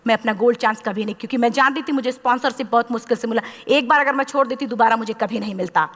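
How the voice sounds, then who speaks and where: Woman, 30s, motivational speaker, passionate storytelling, slightly high voice, big hall reverb. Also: very fast, fairly bright tone. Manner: impassioned storytelling, acting out quoted dialogue. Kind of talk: motivational speech to a live audience.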